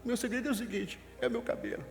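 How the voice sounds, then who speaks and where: A man's voice: very high voice, racing, creaky, pitched above the performer's own voice. A man voicing a boastful, strong biblical man who talks in a cocky, offhand way, heard with a long echo and faint music.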